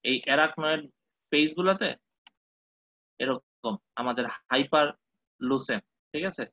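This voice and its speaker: A man gives a medical lecture in a bright, forceful voice pitched a little high. He keeps stopping to check that his students follow and slips English terms into his explanations. The sound is dry and close, with a slightly dull tone. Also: a little slow, no echo. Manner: mixes English terms, checks in with listeners often.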